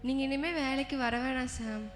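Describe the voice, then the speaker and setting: A woman's voice: high-pitched, steady tone, normal speed, close to an everyday voice. A woman playing a blunt, dismissive office boss on the phone in a church skit. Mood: curt. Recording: echoey hall with music.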